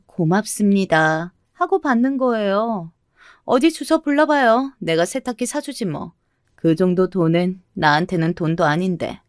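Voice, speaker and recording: A woman's voice: mid-range voice, a little mellow, no echo, clean studio sound, close to an everyday voice. A woman putting on a sneering snobbish sister-in-law. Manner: mocking, condescending, drawn-out.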